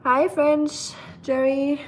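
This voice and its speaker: Chatting casually while she cooks on a live stream, this young German woman speaks slowly with a high-sitting voice, a flat delivery and dry wit. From her home kitchen she answers viewers' comments with sarcastic humor, knife chopping audible in the background.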